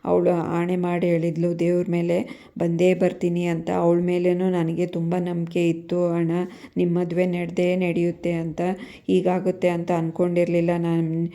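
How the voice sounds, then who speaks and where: A woman's voice: on the low side, completely flat delivery, moderate pace, dark tone, lightly acted. A woman voicing a remorseful young woman who pleads for forgiveness. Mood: pleading. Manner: pleading, apologetic.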